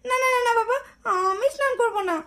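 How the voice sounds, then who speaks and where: A woman's voice: very high voice, fast, pushed and bright. A woman voicing a sleepy, stubborn little girl doll in a puppet cartoon, whining and pleading. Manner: whiny, pleading.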